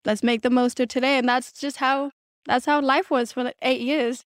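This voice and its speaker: A woman's voice: sits high, fairly even intonation, normal speed, no room sound, clean studio sound. A young woman from South Sudan, raised in Kenya and Australia, speaking as an interview guest, reflective and earnest, with frequent restarts. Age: young adult. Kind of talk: candid conversational interview.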